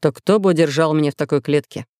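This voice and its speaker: A reader doing a calm, earnest captive traveller. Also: male voice, on the high side, quick pace, smooth, dry recording, clean studio sound, voice pushed down, natural voice. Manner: composed, earnest. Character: calm, self-possessed captive male traveller.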